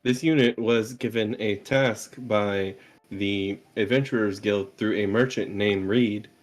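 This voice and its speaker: A man voicing a stiff robotic construct that calls himself "this unit", speaking in a formal, clipped monotone. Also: fairly low pitch, unhurried, faint music behind, natural voice.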